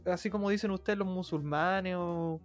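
A Chilean man with a notably high voice chats casually as a podcast co-host. He drops sardonic, slang-heavy remarks. Faint music runs behind him. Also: fairly even intonation, normal speed. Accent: Chilean Spanish. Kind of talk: casual chat.

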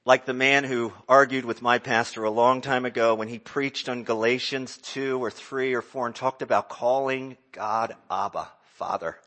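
A man preaching a sermon as a pastor, swinging from loud exclamations down to hushed whispers. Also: medium pitch, steady tone, normal speed, few pauses.

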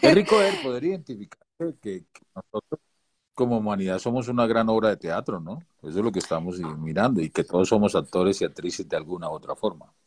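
A man hosting an interview and making soft, reflective remarks. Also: lowish voice, lively intonation, quick pace. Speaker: host. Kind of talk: casual interview chat.

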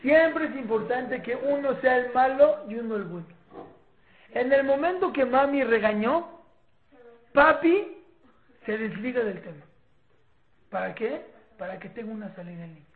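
A woman with a Mexican accent teaching a parenting class in a lively, informal way, acting out parents and children and often repeating herself. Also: a little high, moderate pace, pauses often. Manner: animated, acts out parents and children, repeats words. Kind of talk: informal class talk with students. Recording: echoey room, tinny phone-like sound.

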